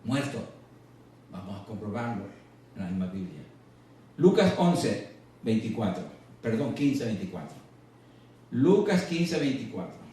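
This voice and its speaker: A male preacher giving a sermon, slowing and rising in pitch to stress scripture, then dropping low. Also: big pitch swings, dark tone. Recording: echoey, distant church radio recording.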